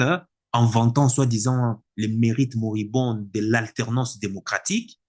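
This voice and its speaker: A man delivering an indignant political opinion monologue, emphatic and repetitive, with a husky voice. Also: mid-range voice. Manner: indignant, emphatic, repeats words for effect. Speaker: political commentator.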